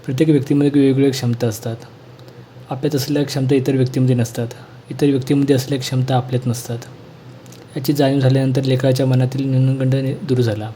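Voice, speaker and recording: A man reading a school textbook lesson aloud in a plain, measured way. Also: mid-range voice, level tone, dark tone, a little hiss or hum.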